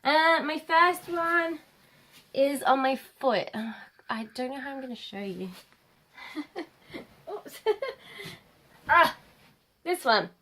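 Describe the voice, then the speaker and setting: A woman's voice: sits high, lively intonation, pushed and bright. Nasal woman in her late twenties vlogging. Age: late 20s. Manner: rambling, many ums and pauses. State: nasal from a cold. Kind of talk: casual chat to camera.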